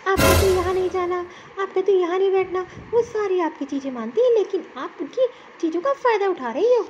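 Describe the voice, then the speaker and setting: A woman's voice: very high-pitched, a little fast, a little mellow, soft background music. A woman voicing an outspoken young daughter-in-law in a cartoon story, indignant and protesting.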